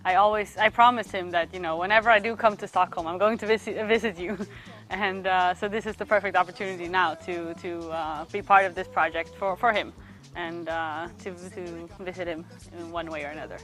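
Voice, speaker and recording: A young woman from Sweden, a youth worker giving reflective interview answers, pausing often to find her words. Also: on the low side, steady tone, fairly bright tone, soft background music. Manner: thoughtful, pauses often to search for words.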